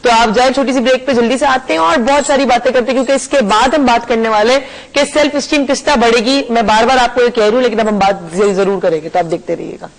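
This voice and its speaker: A woman's voice: a little high, fast, hardly any pauses, rough recording. A woman hosting a television talk show, chatting casually and slipping English phrases into her talk.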